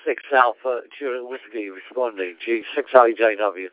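A man from England answering a call over a fading amateur radio transmission, talking quickly and casually with fillers. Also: mid-range voice, no echo. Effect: fading, thin amateur radio transmission. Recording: tinny radio line, dry.

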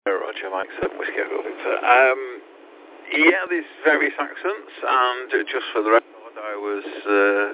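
A man's voice: mid-range voice, moderate pace. A man with a Manchester accent, an amateur radio operator chatting casually over the air, using radio procedure words. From Manchester, England. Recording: tinny radio link with static.

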